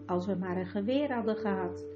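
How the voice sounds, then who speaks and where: A woman reading an audiobook and voicing a greedy, excitable sixty-year-old man who gushes and schemes. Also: medium pitch, a little fast, dull audio, music in the background, voice pushed down, lightly acted. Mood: musing. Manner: gushing, scheming, rubs hands with glee. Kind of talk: audiobook character voice.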